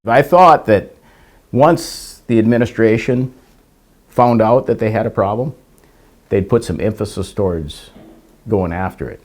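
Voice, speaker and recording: A man's voice: fairly low pitch, a little slow, pauses often, darkish tone. An American man, a politician, answering conversationally in a news interview. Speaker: state senator interviewee.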